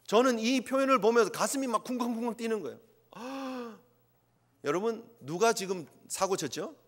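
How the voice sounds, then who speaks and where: A man's voice: extremely high pitch, lively intonation, normal speed, a bit bright. A male pastor preaching an impassioned sermon, sometimes acting out quoted voices. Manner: impassioned, acts out God's voice in quotes. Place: church sanctuary. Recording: long church reverb.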